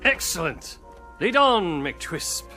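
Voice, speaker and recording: An actor playing an eccentric, madcap hatter in a video game, theatrical and erratic, moving between hush and exclamation. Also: male voice, high voice, sing-song, slow pace, faint music behind, heavily acted. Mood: eager. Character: eccentric madcap Hatter, whimsical, excitable lunatic. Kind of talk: video game cutscene acting.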